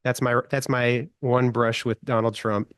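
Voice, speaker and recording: A middle-aged man, a guest writer, telling an anecdote in a casual, animated way, chuckling often and using many fillers. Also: medium pitch, unhurried, smooth, dry recording, clean studio sound.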